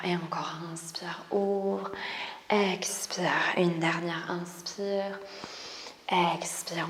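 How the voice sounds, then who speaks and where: A woman with a French accent guiding a yoga class, giving soft, calm breathing cues that often drop to a whisper. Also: medium pitch. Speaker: yoga teacher and spiritual coach. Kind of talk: guided yoga class instruction. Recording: roomy echo with long reverb, faint background noise.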